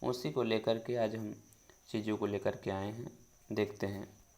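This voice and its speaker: A male teacher giving a grammar lesson. He speaks slowly, repeats each definition and calls the students children. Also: lowish voice, steady tone, darkish tone.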